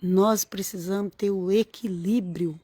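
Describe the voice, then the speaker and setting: A woman's voice: mid-range voice, fairly even intonation, a little slow, warm tone, breathy edge, no echo. A woman, giving an informal, earnest sermon-style talk to camera and repeating phrases for emphasis. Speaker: religious vlogger.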